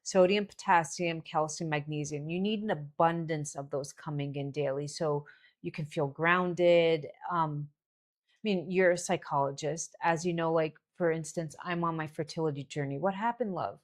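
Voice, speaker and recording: A woman with a somewhat low voice hosts a live Q&A stream. She talks casually and easily, handing out health tips to callers as she goes. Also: fairly even intonation, normal speed. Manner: chatty, gives health advice.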